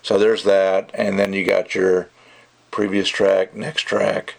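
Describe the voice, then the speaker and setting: A man with a slightly low, heavily gravelly and creaky voice rambles as an amateur reviewer, loose and conversational, sharing his opinions freely. He takes it slowly, with little movement in pitch.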